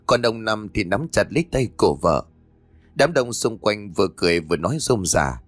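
A man narrating a ghost story with expressive, rising and falling delivery. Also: fairly low pitch, moderate pace, dry recording. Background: faint background music.

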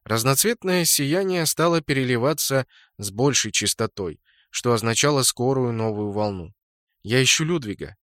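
Brief: male audiobook narrator, mid pitch, close dry studio read. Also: normal speed, a bit bright, no echo. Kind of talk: first-person scripted narration.

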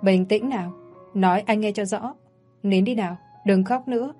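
A woman voicing a calm older brother who soothes his sister on the phone. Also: medium pitch, moderate pace, soft background music, close to an everyday voice. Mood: soothing.

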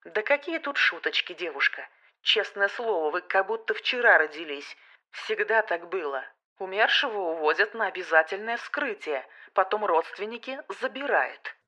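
A woman voicing a gruff, dismissive male police major who speaks coldly and curtly. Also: medium pitch, animated, normal speed, sharp tone. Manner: curt, cold, dismissive.

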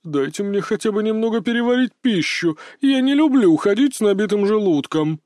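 A man's voice: high voice, lively intonation, a little fast, darkish tone, no room sound, clean studio sound, pitched above the performer's own voice. A man voicing a huge, haughty talking ginger cat in an audiobook, sulky and bargaining. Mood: lazy. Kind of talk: audiobook character voice.

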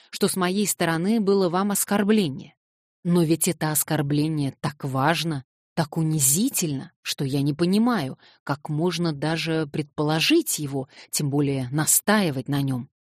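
A woman's voice: low-pitched, dry recording, clean studio sound. A woman reading an audiobook, voicing a cold and condescending older nobleman. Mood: cold, reproachful. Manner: smooth, condescending.

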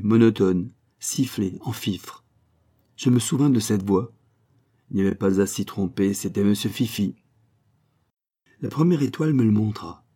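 A man narrating a literary short story in a measured, expressive reading style. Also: on the low side.

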